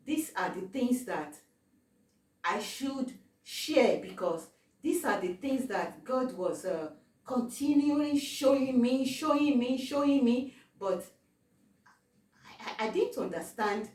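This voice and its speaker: Halting woman telling a testimony, roomy. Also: fairly high pitch, expressive, darkish tone. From Africa. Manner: halting, with many fillers and repetitions. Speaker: testimony vlogger. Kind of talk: personal testimony. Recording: roomy, distant from the mic.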